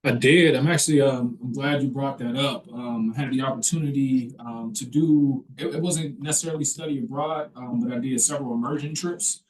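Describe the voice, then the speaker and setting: A man's voice: medium pitch, fairly even intonation, fairly quick, few pauses, rough recording. A man hosting a campus talk, telling a story in a casual way, full of ums and restarts. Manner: hesitant, many ums and restarts.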